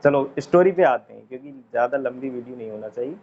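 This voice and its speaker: A man teaching English vocabulary in a casual classroom lesson, chatty and repeating words slowly for pronunciation. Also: mid-range voice, darkish tone. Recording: dull lo-fi sound, faint noise.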